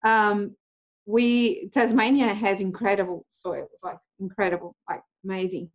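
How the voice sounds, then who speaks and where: A woman's voice: mid-range voice, flat delivery, measured pace. A woman farmer speaking with a mix of Australian and Portuguese accents, answering interview questions in a friendly way with frequent hesitations. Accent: Australian mixed with Portuguese. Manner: hesitant, many ums, friendly. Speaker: farmer and tour guide.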